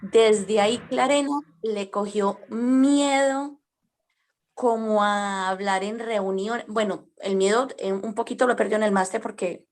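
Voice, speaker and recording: A woman speaks up in an online class to share a personal story. She sounds shy and tentative, and her voice is soft, at a middle pitch. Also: measured pace. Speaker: student in the class.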